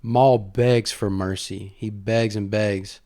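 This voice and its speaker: A man hosts a casual commentary podcast, retelling a story with easygoing enthusiasm. His voice is mellow and warm, recorded dry and close with no room sound. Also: lowish voice, steady tone, takes it slowly, no room sound. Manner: enthusiastic, conversational storytelling with fillers. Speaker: host.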